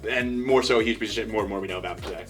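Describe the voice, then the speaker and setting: A man's voice: on the low side, very fast, over music. Laid-back swearing male podcast co-host. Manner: laid-back, swears freely, crude humor. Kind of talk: casual chat.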